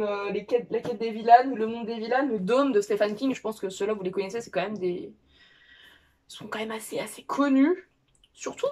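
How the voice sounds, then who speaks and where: A young woman chats on camera about her new books, rambling and correcting herself as she goes. Her voice sits a little high for a woman, with lots of filler sounds between thoughts. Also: darkish tone. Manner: rambling, many fillers and restarts; chatty, self-correcting. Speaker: book vlogger. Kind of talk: casual unboxing chat.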